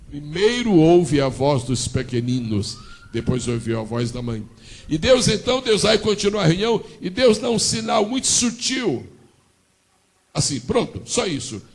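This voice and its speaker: A male pastor with a Brazilian accent, preaching a sermon as a dramatic story and calling on the congregation to answer. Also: fairly high pitch. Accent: Brazilian Portuguese. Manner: dramatic storytelling with call-and-response.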